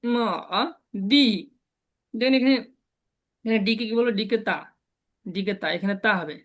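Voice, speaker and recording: A woman's voice: a little high, lively intonation. Patient woman teaching Chinese pronunciation. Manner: patient, slow repetitive drilling of sounds. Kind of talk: online language lesson with repetition drills.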